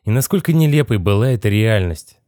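Low-voiced man narrating an audiobook. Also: lively intonation, a little fast, warm tone, no echo, clean studio sound. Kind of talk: scripted narration.

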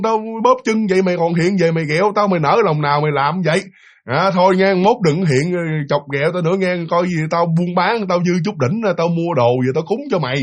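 A grumbling middle-aged woman vendor scolds and laments in a raised, aggrieved tone, as a male storyteller puts her on. She complains more than she shouts, in a voice pitched on the high side.

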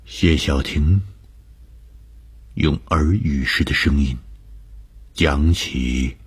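A man telling a suspense story for radio, slow and measured, often dropping to a hushed whisper. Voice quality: very deep, husky.

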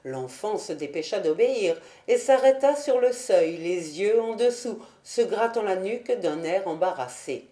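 A woman reading a classic novel aloud in measured, steady audiobook narration. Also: medium pitch. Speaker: audiobook reader. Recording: echoey room.

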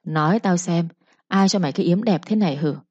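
A woman's voice: fairly low pitch, expressive, a little fast, dark tone, dry recording, lo-fi sound. A woman voicing a harsh young mistress who scolds and threatens her servant with contempt. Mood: furious.

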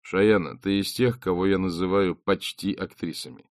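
A man's voice: low voice, steady tone, normal speed, dry recording, natural voice. A man reading an audiobook voices a cold, cutting male talent-show judge who speaks in a dry, sneering way.

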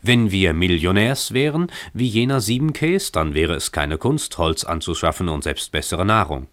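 A man's voice: sits low, big pitch swings, normal speed, a bit bright, no room sound. Man reading as a cheerful, playful young husband. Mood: jovial. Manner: exuberant, mock-grand declaiming. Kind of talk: radio story reading.

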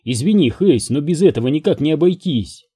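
A man's voice: on the high side, very animated, normal speed, dark tone, slightly rough. A man voicing a pleading young woman. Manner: pleading, soothing.

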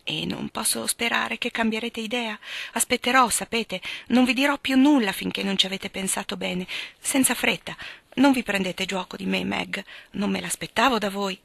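Gentle pleading young suitor, voiced by a woman reader, soft-hearted and earnest. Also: mid-range voice, normal speed, creaky, dry recording. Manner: anxious and tender.

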